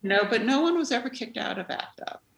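A woman being interviewed, telling stories in an animated, expressive way. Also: a little high, fast talker, gravelly. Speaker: interviewee, former activist. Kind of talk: storytelling in an interview. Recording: roomy echo.

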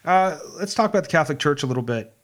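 A man interviewing a guest who teaches courses, talking conversationally with halting restarts. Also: on the high side, lively intonation. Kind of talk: interview questions.

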